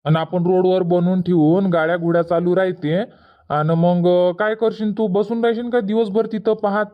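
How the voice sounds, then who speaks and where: In a cartoon comedy, a man plays an impatient, stubborn village boy who whines and argues in a Varhadi Marathi accent. His voice is high and steady at a normal speed, close to how he'd normally talk. The recording sounds dull and muffled, with a lo-fi quality.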